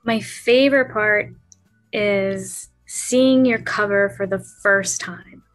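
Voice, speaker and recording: A woman's voice: medium pitch, a bit bright. Young woman, author guest, friendly and laughing, with faint music under her voice. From Canada. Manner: friendly, laughs often, thoughtful pauses. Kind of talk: podcast interview.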